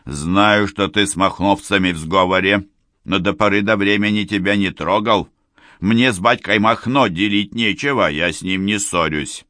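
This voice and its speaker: A man voicing a cruel, menacing male bandit chieftain who growls threats slowly. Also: low-pitched, bright, forceful tone, no echo, studio quality. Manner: growling, threatening, slow and drawn out. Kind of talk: audiobook character voice.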